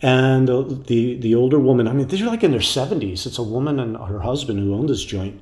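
A man telling rambling, animated road stories as a guest in a casual interview. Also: medium pitch, fairly quick. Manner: animated anecdotes with put-on voices, loose and rambling. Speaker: guest musician. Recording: roomy echo.

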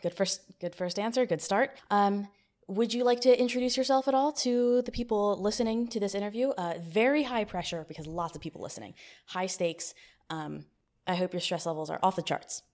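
In an echoey new studio, a woman podcast host conducts a mock-stern job interview with deadpan delivery. Her voice is mid-range and her pace brisk.

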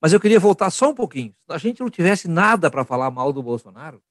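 A man's voice: a little high, sing-song, fast talker, no echo. A man in a casual podcast chat, arguing firmly and repeating his points for emphasis. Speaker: podcast co-host.

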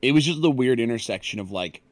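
A man co-hosting a podcast, chatting in a relaxed, rambling way. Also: mid-range voice, fast talker, no echo. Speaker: podcast co-host. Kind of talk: casual podcast chat.

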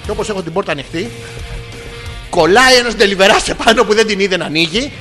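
A man's voice: sits high, animated, pushed and bright, soft background music. A man co-hosting a podcast, telling stories and trading crude, teasing jokes in casual banter. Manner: joking, crude and teasing, rambling. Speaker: podcast co-host.

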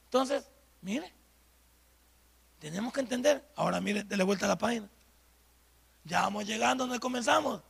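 A man with a Salvadoran accent preaches with fervor in a church and keeps pressing the congregation with questions. His voice sits high and sounds husky and breathy. It has a sharp, bright edge, and he often climbs to a shout. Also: normal speed, long pauses, long reverb tail. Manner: fervent, rising to shouts, rhetorical questions to the congregation. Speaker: pastor. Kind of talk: sermon.

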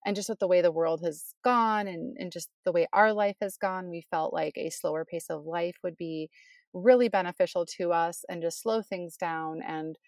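Co-host type, a nurse, chatty woman recording inside a closet, dead dry sound, lowish voice. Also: normal speed. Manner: chatty, relaxed, many "like" fillers. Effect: muffled closet sound, dry with no room echo. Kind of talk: casual chat between friends.

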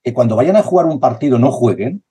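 Basketball coach guy, really animated pitch, dark husky voice. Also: fast. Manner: passionate, repetitive, acts out dialogue. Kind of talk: conversational interview.

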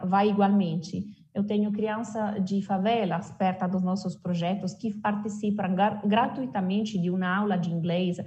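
Her voice is mid-range and warm, though the recording's highs are cut off. An Italian-accented woman from Italy, speaking Portuguese as an interview guest, she argues her views conversationally and emphatically, often raising questions and then answering them.

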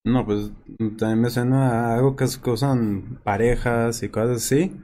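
A man's voice: mid-range voice, steady tone, normal speed, mellow, slight background noise. A man in casual chat, hesitant and searching for his words.

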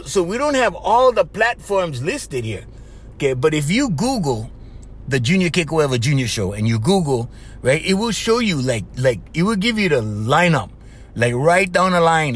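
A man's voice: on the high side, fairly bright tone. A man with a Hawaiian Pidgin accent hosting a podcast, chatting casually and animatedly, laughing often and repeating himself. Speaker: podcast host. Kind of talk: casual chat.

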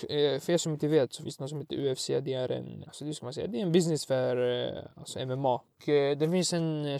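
A young man, telling stories in a casual chat, slangy and animated. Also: on the high side, gravelly, dry recording, studio quality. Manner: slangy, animated, many fillers, acts out voices. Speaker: podcast co-host, storyteller.

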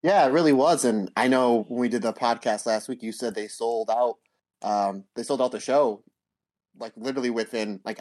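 A man's voice: fairly low pitch, no room sound. A man co-hosting a podcast, chatting casually in a folksy, jokey and rambling way. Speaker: podcast co-host. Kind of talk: casual chat, anecdotes.

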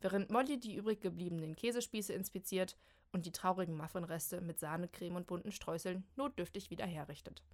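A woman narrating a children's storybook with a lively, expressive reading. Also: on the low side, brisk.

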